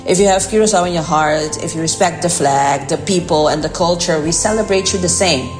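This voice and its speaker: A woman with a low voice speaks as a football fan, earnest and proud. Soft music plays behind her. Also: fairly quick. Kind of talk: scripted vox pop.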